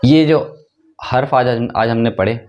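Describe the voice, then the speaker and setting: Unhurried and a little mellow, this mid-range male voice belongs to a teacher running an online script class. He explains step by step, spells out each word patiently, and turns every answer back to the learner as a question; the audio's highs are cut off.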